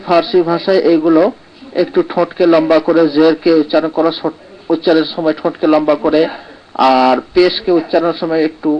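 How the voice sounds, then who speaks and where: Male teacher, slightly higher voice, patient step-by-step explainer, keeps asking "right?". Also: dull audio. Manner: explanatory, checks in with "right?" often. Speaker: Quran recitation teacher. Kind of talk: live online lesson answering comments.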